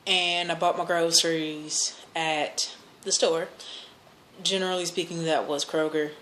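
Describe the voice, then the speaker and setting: A woman's voice: low-pitched, steady tone, unhurried, fairly bright tone. An American woman chatting casually and answering questions, rambling and hesitant as she corrects herself. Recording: noticeable background noise.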